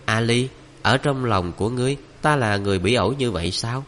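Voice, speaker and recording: A man's voice: medium pitch, a little fast, fairly bright tone, a little hiss or hum, natural voice. A man voicing a young male hero in a storybook, speaking wryly and ruefully. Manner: wry, rueful.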